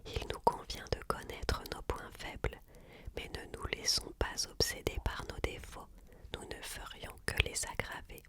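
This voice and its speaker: Slow and deliberate, an ASMR reader whispers through a book aloud, keeping the hush of a library.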